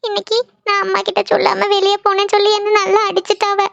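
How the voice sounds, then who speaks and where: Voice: very high-pitched, completely flat delivery, fast talker, vocal fry, a bit bright, no echo, highs cut off, heavily acted. A voice actor doing a tearful young cartoon girl. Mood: upset. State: crying. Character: young woman in love, tearful and upset. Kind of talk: cartoon voice acting.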